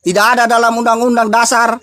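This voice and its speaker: High-voiced older man scolding. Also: little pitch movement, fast, bright, forceful tone. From Indonesia. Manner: scolding, repetitive, preachy. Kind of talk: angry rant.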